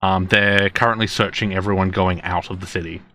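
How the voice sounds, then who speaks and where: A man narrating as game master, halting and full of restarts. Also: low voice, fairly even intonation, pushed and bright. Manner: halting, many fillers and restarts.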